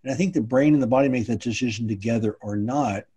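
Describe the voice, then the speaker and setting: Husky-voiced male surgeon host. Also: mid-range voice, fast talker, mellow. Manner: attentive listener, brief affirmations, then explanatory. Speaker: spine surgeon, podcast host. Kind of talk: interview conversation.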